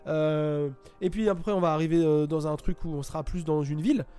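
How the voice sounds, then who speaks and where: A man's voice: fairly high pitch, fairly even intonation, a little fast, warm tone, clean tone, faint music behind. A man reviewing a video game in casual talk from home, hesitant and full of fillers and restarts. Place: home, at a computer.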